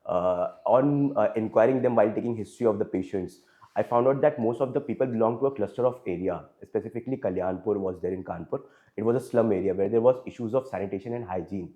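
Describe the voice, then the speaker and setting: A man's voice: on the low side, fast talker, warm tone, muffled recording. Hesitant Indian English-speaking young man. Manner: hesitant, frequent fillers, deferential, adds "sir" often. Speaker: interview candidate. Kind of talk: formal mock interview answers.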